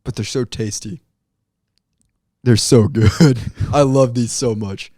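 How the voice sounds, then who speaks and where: A man's voice: medium pitch, takes it slowly, dark tone, no room sound, studio quality. A man co-hosting a casual podcast, talking while eating sour candy and rating it with enthusiasm. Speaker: podcast co-host. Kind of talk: casual chat, taste-testing sour candy.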